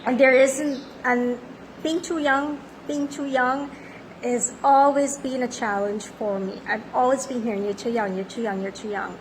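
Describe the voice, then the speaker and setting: Confident woman life coach, high voice. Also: steady tone, normal speed, a little hiss or hum, low-quality recording. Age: 30s. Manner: confident, self-affirming. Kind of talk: motivational monologue.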